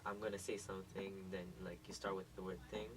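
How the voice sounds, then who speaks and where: A man's voice: deep voice, little pitch movement, brisk, background noise. A teenage boy, a student rapper, talking casually in a radio interview and saying "like" constantly.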